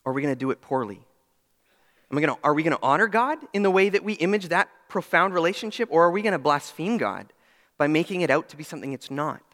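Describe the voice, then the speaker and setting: A man's voice: on the high side, expressive, quick pace, fairly bright tone. A young adult man preaching a sermon, earnest and emphatic, with self-deprecating asides. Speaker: pastor. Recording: long reverb of a large hall.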